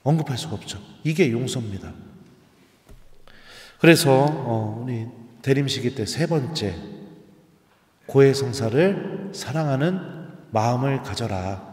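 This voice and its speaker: Animated priest in echoey church. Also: male voice, mid-range voice. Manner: storytelling, animated, uses dialect endings for humor. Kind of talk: sermon.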